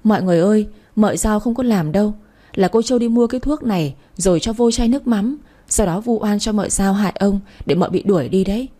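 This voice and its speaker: Brief: a woman doing a feisty young maid, loud and accusing, mellow tone. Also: mid-range voice, fairly quick, lightly acted. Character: outspoken young female servant girl, blunt and fiery.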